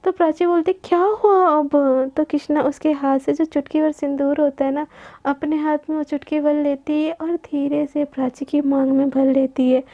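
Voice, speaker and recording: Woman storyteller, casual chatty narration; very high voice, dull lo-fi sound. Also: flat delivery, moderate pace, dark tone. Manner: chatty, mixes in English words.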